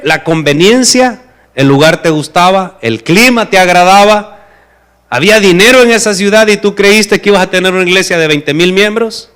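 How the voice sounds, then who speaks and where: Male preacher, Salvadoran accent, higher pitch, emphatic sermon delivery. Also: a bit bright, smooth. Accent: Salvadoran Spanish. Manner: emphatic, asks the listeners rhetorical questions.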